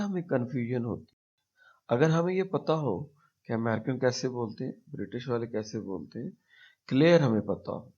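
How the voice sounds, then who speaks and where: A man with a Pakistani accent teaching a pronunciation lesson, speaking slowly and deliberately and repeating example words to demonstrate them. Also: mid-range voice, a little mellow, slightly rough. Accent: Pakistani Urdu-speaking. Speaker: English teacher. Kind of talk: explanatory language lesson. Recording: dull lo-fi recording.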